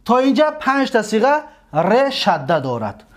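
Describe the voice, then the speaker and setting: A man with a Tajik accent gives a classroom grammar lesson in a fairly high voice. He explains each point patiently, repeats himself, and stretches the example words out slowly so students can follow. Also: big pitch swings. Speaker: religious seminary teacher.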